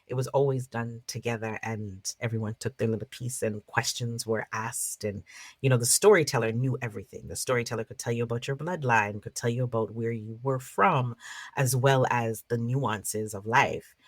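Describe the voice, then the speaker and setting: A woman storyteller speaking expressively about and in trickster tales, with dramatic pauses and drawn-out, emphatic words. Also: rumbling low, fairly even intonation, no room sound, clean studio sound. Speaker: guest storyteller of Caribbean folklore.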